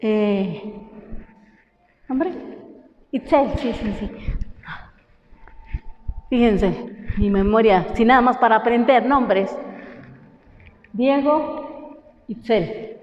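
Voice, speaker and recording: A high-voiced Mexican woman who grew up speaking Mixtec teaches a classroom at an unhurried pace, patient and encouraging, often thinking aloud and restarting. Her voice comes through a slightly dull mic, with a roomy hall echo around it. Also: darkish tone. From coast of Oaxaca, Mexico. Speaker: language teacher. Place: university classroom. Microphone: teacher's own microphone.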